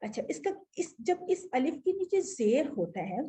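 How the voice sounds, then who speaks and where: A woman's voice: sits high, very animated, moderate pace, warm tone. A woman teaching Arabic grammar for the Quran to a class, explaining step by step and putting questions to her students. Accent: Urdu-speaking, Pakistani.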